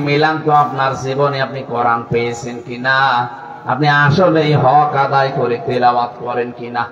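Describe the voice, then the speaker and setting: Preacher man booming over an echoey PA. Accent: Bangladeshi Bengali. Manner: rising to loud high exclamations, chanting Quran verses; teaching style, quizzing the crowd. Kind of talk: Bengali waz sermon. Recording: echoey, distant, dull outdoor PA sound.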